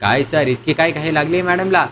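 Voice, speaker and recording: A man's voice: a little high, fairly quick, slight background noise, lightly acted. A man voicing a sleepy, cheeky male hotel receptionist with a teasing manner. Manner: teasing, smirking.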